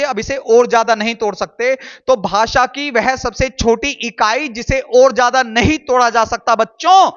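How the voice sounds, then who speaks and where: एक पुरुष शिक्षक जो कक्षा में धैर्य से पढ़ाता है, बातें दोहराता है और अक्षरों को धीरे-धीरे अलग करके बोलता है।. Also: male voice, very high-pitched, a bit bright, muffled recording. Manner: patient, repeats and spells out syllables slowly. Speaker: Hindi teacher. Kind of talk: classroom lesson.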